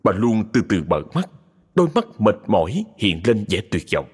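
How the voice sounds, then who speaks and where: A man reading a horror story in a dramatic, expressive narrating voice. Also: fairly low pitch, moderate pace, husky.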